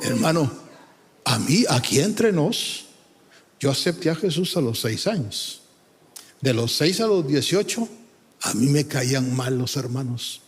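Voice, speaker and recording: A man preaching a sermon with emphatic delivery, often calling out to his listeners as brother and breaking into sung lines. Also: fairly high pitch. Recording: long hall reverb.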